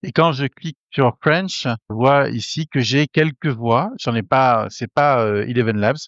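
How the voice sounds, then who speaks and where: A man hosting a casual tutorial, hesitant with many fillers and restarts, getting excited as he talks. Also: medium pitch, measured pace, no room sound, dull audio. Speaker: tech tutorial host. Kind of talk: casual screen-recorded tutorial.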